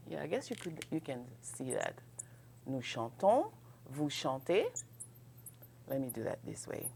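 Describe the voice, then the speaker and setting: Slow, gravelly-voiced woman teaching French. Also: deep voice, darkish tone. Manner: slow, patient, checks in with "n'est-ce pas" and "ok". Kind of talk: grammar lesson at a board, mixing French and English.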